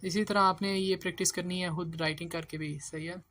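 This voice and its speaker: A man teaching a beginner language lesson. He is patient, checks in with the listener often and sounds out each syllable loudly and clearly. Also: high voice, steady tone, fairly quick.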